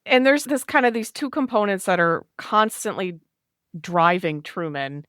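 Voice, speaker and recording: A woman's voice: mid-range voice, sing-song, measured pace, fairly bright tone, smooth, no room sound, studio quality. A woman co-hosting a psychotherapy podcast, chatting casually and thoughtfully as she retells a film's plot at length.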